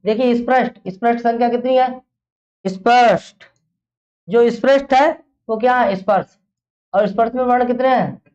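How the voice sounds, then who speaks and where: A woman's voice: a little high, dark tone. A woman teaching an exam-prep class, who fires off a question, repeats it, and then answers it herself. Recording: dull lo-fi classroom recording.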